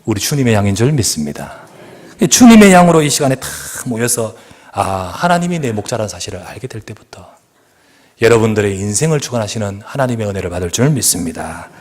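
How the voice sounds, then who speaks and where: A man's voice: lowish voice, sing-song, fast talker, darkish tone. A male pastor preaching a sermon in a church, emphatic and asking the congregation questions. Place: church sanctuary.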